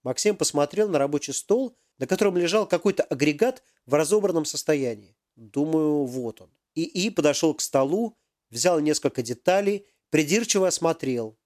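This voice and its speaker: A man narrating an audiobook with expressive, animated reading. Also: on the high side, a little fast.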